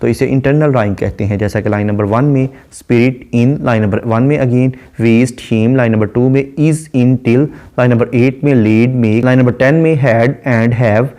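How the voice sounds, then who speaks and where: A man's voice: mid-range voice, dark tone. A man, lecturing on a poem and explaining its lines step by step. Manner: reads verse lines slowly, then explains in measured prose. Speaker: literature lecturer.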